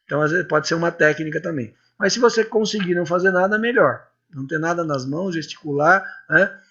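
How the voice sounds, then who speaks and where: A man from Brazil teaches a relaxed lecture class, talking in a chatty way that keeps checking in with his listeners. His voice sits a little high, with a gravelly, husky edge and a bright tone. The recording is dull and lo-fi. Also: brisk. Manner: chatty, full of tag questions and anecdotes. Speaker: public speaking teacher.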